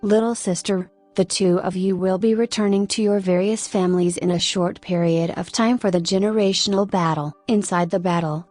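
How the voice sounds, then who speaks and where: A woman voicing a gentle young woman of high standing who speaks softly and solemnly, over faint music. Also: steady tone, normal speed, few pauses, dry recording, lightly acted. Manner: soft, solemn.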